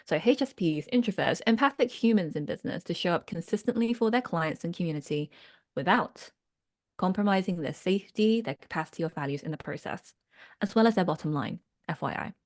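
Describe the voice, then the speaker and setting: A British business coach leads an online workshop in a lowish, animated, brisk voice. She comes across as earnest and reflective, and she checks in with her listeners.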